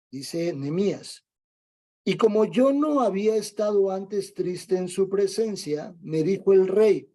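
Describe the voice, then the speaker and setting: A man delivers a sermon in a high, mellow voice. He keeps it conversational and acts out the quoted exchanges as he goes. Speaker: preacher.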